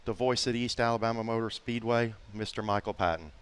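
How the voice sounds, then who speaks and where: A man's voice: on the low side, fast, slight background noise. A man announcing at a race, chiming in supportively alongside his co-announcers. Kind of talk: live race commentary.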